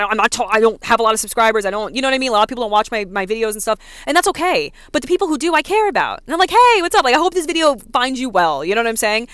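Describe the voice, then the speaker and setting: A woman in her thirties with a New York accent, ranting casually to her vlog audience, talking fast and packing her speech with "like" and "you know.". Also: on the high side, a bit bright, clear, resonant tone, no echo. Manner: fast, filler-heavy talk with many "like"s and "you know"s. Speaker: vlogger. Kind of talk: casual rant to camera.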